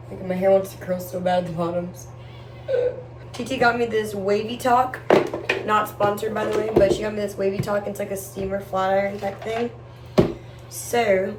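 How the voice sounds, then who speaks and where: A woman's voice: mid-range voice, little pitch movement, moderate pace, loud music behind the voice. A young woman chatting casually to camera in a rambling, slangy, girly way as she vlogs indoors. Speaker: lifestyle vlogger. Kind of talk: casual get-ready-with-me chat to camera. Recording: roomy, distant mic, faint background noise.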